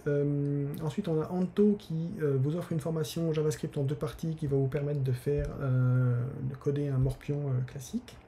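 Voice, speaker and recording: A man talks casually into a desk mic on a live stream, stopping often to hesitate and restart. His voice is very dark and mellow. A faint hiss sits under the recording. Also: on the high side. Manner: hesitant, many fillers and restarts. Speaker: newsletter author hosting a live giveaway stream.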